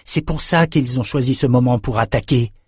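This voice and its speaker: A man's voice: medium pitch, moderate pace, breathy edge, no echo, clean studio sound, lightly acted. Man reading a grim wounded lord. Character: grim wounded male lord, commanding battle leader. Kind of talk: audiobook character reading.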